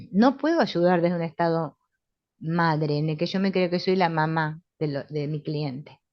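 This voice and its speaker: A woman's voice: low-pitched, unhurried, no echo. Assured Rioplatense woman teaching therapy. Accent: Rioplatense Spanish. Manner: calm, assured, with frequent tag questions. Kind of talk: spiritual therapy lesson. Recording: dull, lo-fi sound.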